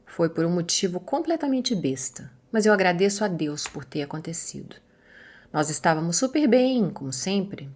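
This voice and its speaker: Chatty Brazilian woman reading a story. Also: mid-range voice. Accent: Brazilian Portuguese. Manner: expressive, chatty asides to viewers. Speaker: YouTube channel host. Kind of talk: reading a viewer's story aloud with commentary.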